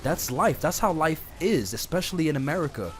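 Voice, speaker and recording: Hoarse from being sick, this online show host talks casually to his listeners, giving loose, rambling advice over a game playing in the background. His voice sits on the high side, animated and brisk, with faint music behind him plus clear background noise and game sounds.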